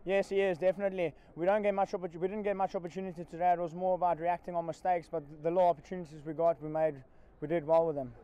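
A man's voice: sits high, level tone, rapid-fire, few pauses, mellow, clean tone. A man in his twenties, a rugby winger, giving a modest post-match interview outdoors at a floodlit ground.

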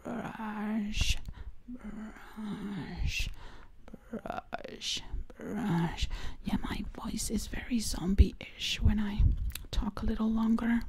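A breathy, hushed zombie princess out of the 1920s murmurs softly in a whispered role-play, voiced by a woman. Her tone sits a little high yet warm and mellow. She repeats each word at a slow, unhurried crawl. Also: heavily acted. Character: undead princess from the 1920s, gentle. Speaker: ASMR creator.

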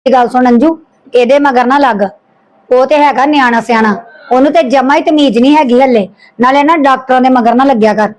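A woman's voice: sits high, darkish tone, lightly acted, rough recording. A woman acting as a domineering, insulting mother-in-law who scolds her son and daughter-in-law in a family drama.

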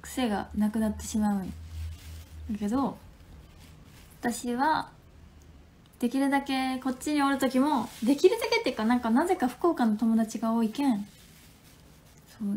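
Young woman, Hakata accent, slightly high voice, mellow tone, playful chatty livestream, laughs a lot, phone mic at home. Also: moderate pace, long pauses. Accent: Hakata dialect. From Fukuoka, Japan. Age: 20s. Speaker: livestream host. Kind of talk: casual livestream chat reading viewer comments.

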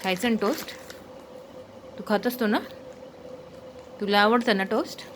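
A woman's voice: medium pitch, steady tone, a little slow, slight background noise. A woman chatting casually to her pet dog, coaxing and teasing it with repeated questions. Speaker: pet owner vlogger.

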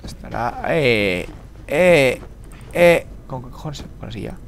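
A man's voice: medium pitch, expressive, takes it slowly, creaky, slight background noise. A man giving frantic horror game commentary, swearing a lot and repeating words in panic. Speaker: gamer.

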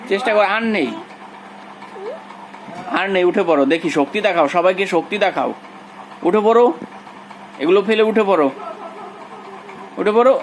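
A woman's voice: lowish voice, moderate pace, pauses often, a little hiss or hum, low-quality recording. A woman vlogger making a casual family video and cheerfully coaxing a small child to play along.

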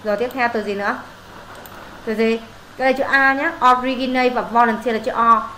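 High, bright-voiced woman tutor quizzing a pupil. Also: fairly even intonation, a little fast, a little hiss or hum. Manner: quizzing, scolding and teasing the pupil. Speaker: English tutor. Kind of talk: casual one-on-one homework tutoring. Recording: echoey room with faint ambience.

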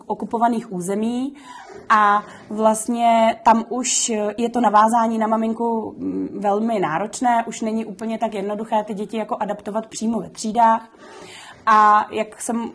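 Earnest woman kindergarten director. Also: mid-range voice. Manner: earnest and explanatory, with frequent fillers. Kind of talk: documentary interview answers.

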